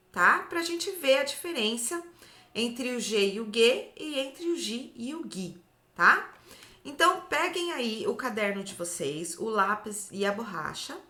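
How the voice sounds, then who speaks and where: Brazilian woman, children's literacy teacher, slow deliberate delivery, echoey room. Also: on the high side, bright, forceful tone. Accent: Brazilian Portuguese. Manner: slow, drawn-out syllables, often ends with "tá?". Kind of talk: slow, clear phonics lesson for children.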